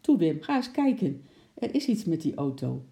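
A high, pleading housewife in a read-aloud children's storybook, put on by the narrator. She presses urgently in a dark, gravelly voice. It is the same narrator lifting the voice upward. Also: wildly swooping pitch, normal speed. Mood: excited. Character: excited middle-aged housewife. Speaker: storybook character.

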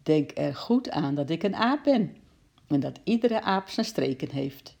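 A woman voicing a small, clever, mischievous male chimpanzee in a children's storybook reading, speaking slowly and deliberately with a gentle tease. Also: low voice, lively intonation, vocal fry, full character voice. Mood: contented, sly.

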